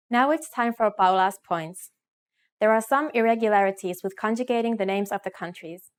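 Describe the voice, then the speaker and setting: Smooth-voiced woman teaching a language. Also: medium pitch. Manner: clear, measured teaching delivery, slowing to model phrases. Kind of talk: scripted lesson narration.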